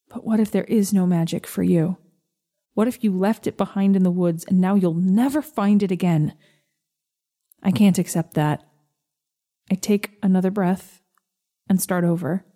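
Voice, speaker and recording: A woman narrating a first-person story in a slow, gentle, measured reading. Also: mid-range voice.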